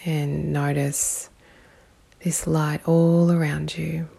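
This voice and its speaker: Low woman's voice, very slow, calm meditative tone, soft and breathy, guided meditation, long pauses.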